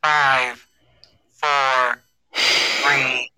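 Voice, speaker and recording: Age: unknown. Figure: a podcast co-host putting on a mission control caller radioing a crew and counting down to launch. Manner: slow, deep, drawn-out sci-fi communicator delivery. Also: flat delivery, pushed and bright, clean tone, exaggerated voice, low-quality recording. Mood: announcing. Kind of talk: joking podcast bit.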